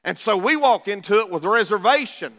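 A man's voice: sits high, expressive, a little fast, bright, forceful tone. A man with an Appalachian accent preaching a sermon in a folksy, conversational way, putting rhetorical questions to his listeners. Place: large reverberant room, preaching to a congregation. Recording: reverberant hall sound.

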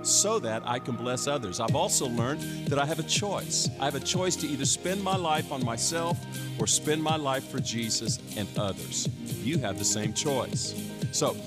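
A man speaking as a pastor in a scripted church appeal, earnest and measured. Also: medium pitch, expressive. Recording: voice-over with loud music behind. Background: loud instrumental music.

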